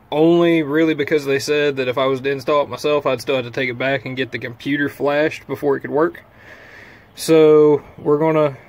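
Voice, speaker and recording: A man casually showing off a truck part he had installed, rambling in a folksy way with fillers, filming on a handheld phone from inside the truck and outside by a trailer. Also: a little high. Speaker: vlogger reviewing truck accessories. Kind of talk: casual walkthrough vlog.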